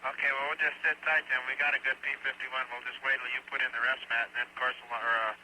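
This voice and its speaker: A man talking as an astronaut over a spacecraft radio link, giving brisk, clipped procedural replies. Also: medium pitch, flat delivery, sharp tone, a little hiss or hum, low-quality recording. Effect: heard over a spacecraft radio link. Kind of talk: mission radio exchange.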